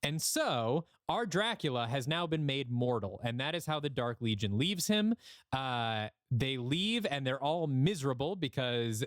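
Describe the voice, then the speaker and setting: A man's voice: medium pitch, big pitch swings, a little slow, dry recording, clean studio sound. A man hosting a podcast, giving a casual recap of a story. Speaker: podcast host.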